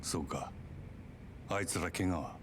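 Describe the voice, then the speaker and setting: An actor playing a blunt cabaret manager in a video game, with a gruff manner and an Osaka Japanese accent. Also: male voice, low voice, a little fast, noisy background, close to an everyday voice. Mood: gruff, businesslike. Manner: gruff, blunt, rough colloquial speech. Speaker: club manager.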